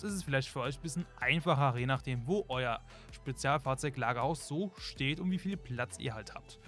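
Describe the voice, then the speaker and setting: A man's voice: fairly high pitch, a bit bright. A young man narrating a game tutorial in a chatty way, constantly addressing his viewers. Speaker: gaming YouTuber. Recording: faint music behind.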